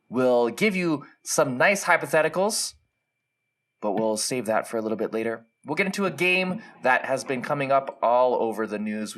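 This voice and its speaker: Relaxed Hawaiian co-host, low voice. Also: male voice. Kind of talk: casual podcast chat.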